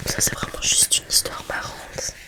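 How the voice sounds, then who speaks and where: A woman speaks in a soft library whisper, presenting children's books for ASMR in a casual, hesitant, chatty way. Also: moderate pace.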